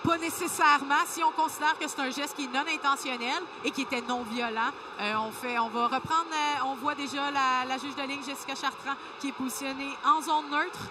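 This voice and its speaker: A woman's voice: high voice, fairly even intonation, brisk, few pauses. A woman working as a hockey colour analyst, explaining replays live in a hesitant, step-by-step way. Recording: very loud arena noise behind voice. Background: hockey arena ambience.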